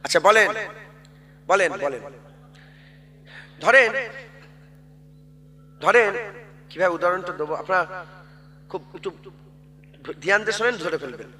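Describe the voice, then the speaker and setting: Fiery bengali preacher guy, high bright voice, big hall echo. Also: lively intonation, measured pace, long pauses. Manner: fiery, calls out to the crowd for responses. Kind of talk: sermon.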